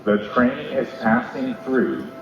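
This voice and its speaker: A man giving a measured, formal platform announcement, heard through station loudspeakers. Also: medium pitch, very animated, music in the background. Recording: echoey, distant, muffled station PA.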